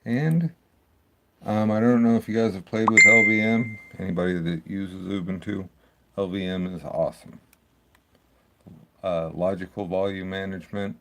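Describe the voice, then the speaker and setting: Tech host, male, deep gravelly voice, rambling and loose. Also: steady tone, moderate pace, pauses often, background noise. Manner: rambling, thinks aloud with restarts. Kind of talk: casual screen-recording walkthrough.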